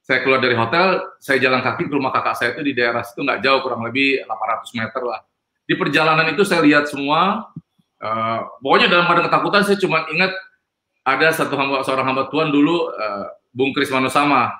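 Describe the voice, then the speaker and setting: A man's voice: mid-range voice, quick pace, sharp tone. A man telling a personal testimony in an interview, rambling and emphatic, with frequent fillers. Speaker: guest. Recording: echoey room.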